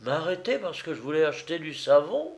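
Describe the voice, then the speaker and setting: A man's voice: a little high, a little slow, gravelly, voice pushed up. Timid stammering young man for a storybook, voiced by a male narrator. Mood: pleading. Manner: stammering, meek, pleading.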